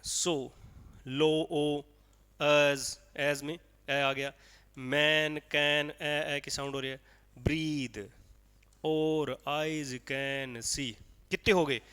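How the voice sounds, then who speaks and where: Bright-voiced man lecturing with rhetorical questions. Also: on the high side, level tone, very slow, pauses often, clean tone, big-room sound. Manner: explains with repeated rhetorical questions, counting aloud. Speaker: teacher. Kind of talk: classroom lecture on poetic meter.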